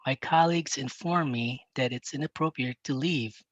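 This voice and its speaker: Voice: medium pitch, moderate pace, dry recording, highs cut off, natural voice. A reader voicing a clipped, absent-minded old professor dad. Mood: clipped formal. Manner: clipped, formal, speaks in short packets. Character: absent-minded older male math professor father.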